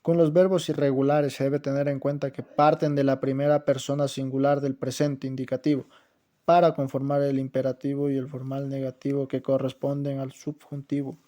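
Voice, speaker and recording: A man's voice: mid-range voice, normal speed. A man reading a group class presentation on verb moods, listing conjugations steadily. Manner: steady, even reading of grammar examples. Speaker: student presenter.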